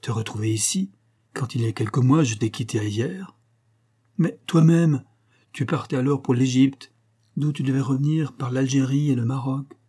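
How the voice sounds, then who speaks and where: A man's voice: mid-range voice, moderate pace, warm tone, breathy edge, natural voice. A man voicing an overjoyed young Frenchman. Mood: delighted. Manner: joyful, exclamatory. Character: excited young Frenchman, a reunited friend.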